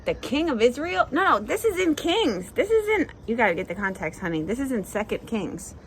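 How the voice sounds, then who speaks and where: A woman's voice: fairly high pitch, very animated, fairly quick, a little hiss or hum. Chatty woman hosting a Bible chat. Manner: chatty, laughs often, acts out quoted speakers. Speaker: devotional host.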